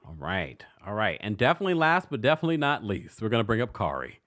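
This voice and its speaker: A man hosting a call-in recap show, relaxed and quick to laugh, keeping his replies short. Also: lowish voice. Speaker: host.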